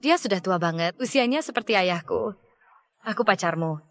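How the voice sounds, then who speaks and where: A woman dubbing a remorseful young woman who pleads softly with her former partner. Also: medium pitch, expressive, moderate pace. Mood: hurt. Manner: soft, pleading. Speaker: dean's girlfriend. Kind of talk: dubbed drama acting.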